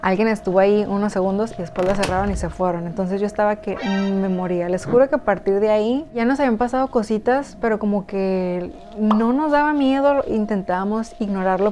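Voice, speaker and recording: A woman's voice: mid-range voice, steady tone, fairly quick, few pauses, mellow. A young woman with a Mexican accent, chatting to her viewers as she tells a personal story, with many fillers. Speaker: YouTuber telling a personal story. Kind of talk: casual storytime narration. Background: background music.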